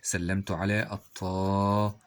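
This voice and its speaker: Low-voiced man teaching grammar. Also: level tone, clean tone. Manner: poses quiz questions and answers them himself; reads example sentences slowly. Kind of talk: grammar lesson explanation.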